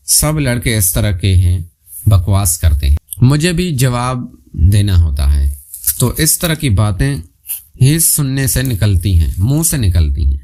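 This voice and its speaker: Man narrating a story, low and mellow. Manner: lively storytelling with quoted dialogue.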